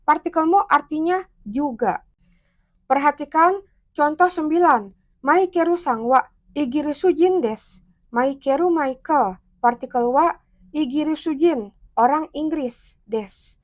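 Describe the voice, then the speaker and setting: A woman's voice: high-pitched, unhurried, pauses often, highs cut off. A woman teaching Japanese grammar, patiently going over each example word by word with its meaning. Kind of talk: explaining grammar step by step.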